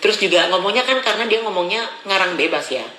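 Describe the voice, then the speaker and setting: A man's voice: high-pitched, lively intonation, quick pace, pushed and bright, roomy sound, slight background noise, poor audio. A man ranting casually to his followers, chatty, repetitive and indignant, recorded on a phone held at arm's length. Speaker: social media vlogger. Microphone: phone camera at arm's length.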